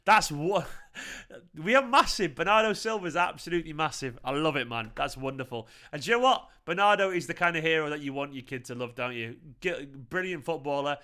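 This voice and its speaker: A man with a Manchester accent, hosting a live football fan reaction stream, chatting excitedly and swearing while reading viewer comments. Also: a little high, fairly quick. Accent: Mancunian. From Manchester, England. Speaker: football fan channel host.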